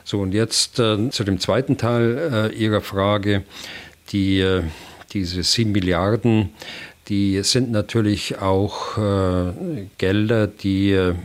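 An older man, a retired general, answering questions as an expert guest in a measured, hesitant way with many filler sounds. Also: deep voice. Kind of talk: explanatory interview answers.

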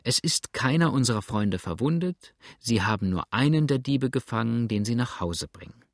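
A man voicing a calm, steady lady who speaks slowly and soothingly. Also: medium pitch, no room sound, studio quality, natural voice.

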